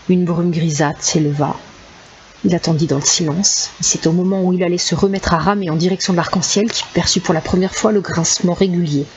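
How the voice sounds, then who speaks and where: A woman narrates a storybook in a calm, measured way, her voice sitting slightly low. The recording is a bit dull, with a faint hiss in the background. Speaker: audiobook narrator. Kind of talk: scripted narration.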